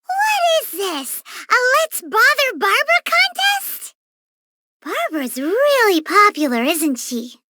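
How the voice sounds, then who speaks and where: Paimon, a squeaky, excitable tiny fairy. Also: female voice, takes it slowly, exaggerated voice. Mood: puzzled. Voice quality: squeaky, childlike voice. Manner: refers to self in third person, naive and bossy. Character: tiny floating fairy companion, childlike, chirpy and excitable. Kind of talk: video game character voice lines.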